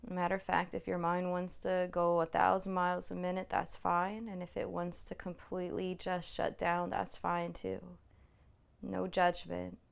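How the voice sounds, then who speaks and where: A meditation instructor guides a body scan in a lowish, smooth, monotone voice that settles into a noticeable creak. Unhurried and soothing, she leaves long pauses between phrases, staying gently permissive and reassuring.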